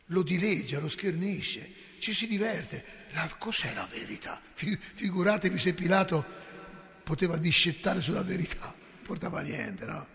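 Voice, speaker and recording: A priest delivers an impassioned sermon in a fairly high, gravelly voice, dropping to near whispers and then rising to ringing cries. His words hang in the long reverb of a church. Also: lively intonation, unhurried. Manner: impassioned, rhetorical, swings between hushed and loud.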